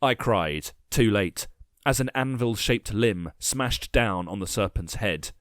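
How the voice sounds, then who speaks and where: Low-voiced man narrating a grim tale. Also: lively intonation, fairly bright tone, no echo, studio quality. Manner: measured, grim storytelling delivery. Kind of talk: dramatic first-person storytelling.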